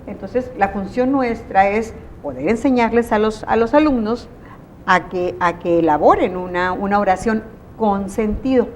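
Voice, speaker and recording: Speaking at a medium pitch and a moderate pace, a woman with a Mexican Spanish accent hosts an educational TV interview. She asks long, leading questions in a conversational manner, and a faint hiss or hum sits under the audio.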